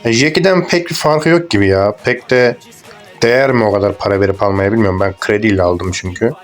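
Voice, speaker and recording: Over faint music, a young gaming YouTuber keeps up brisk, casual commentary in a fairly low voice. His talk is crude and jokey, rambling along with plenty of swearing as he plays.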